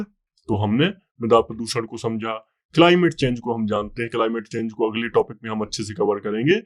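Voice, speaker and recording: A male teacher giving an exam-prep lecture, explaining step by step and often repeating key points and checking in with students. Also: fairly low pitch.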